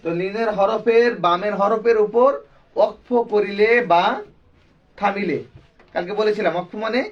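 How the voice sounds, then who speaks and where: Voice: medium pitch, steady tone, moderate pace, distant mic, dull audio. A Quran recitation teacher giving a classroom lesson, drilling the students with repeated questions and call-and-response.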